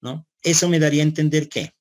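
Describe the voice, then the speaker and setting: A man's voice: on the high side, steady tone, quick pace. A man lecturing a class, explaining step by step, repeating words, often checking with "¿no?", and putting questions to his students. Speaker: university lecturer.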